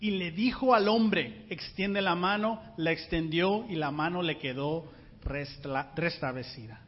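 Animated preacher man, high voice. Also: measured pace. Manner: animated, rhetorical questions to the congregation. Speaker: pastor. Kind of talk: sermon. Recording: muffled sound with long hall reverb.

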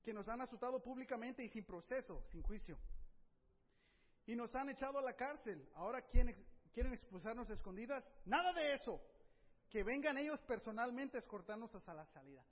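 A bold, defiant apostle, as a preacher plays him, declaiming forcefully in a high man's voice. The recording is dull and rings with a long hall echo. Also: lively intonation, fairly quick. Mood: indignant.

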